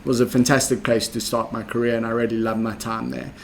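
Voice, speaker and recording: A young adult man with a South African accent, a guest in a conversational interview, explaining his career path in a measured, methodical way with frequent ums. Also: mid-range voice, little pitch movement, gravelly, slight background noise.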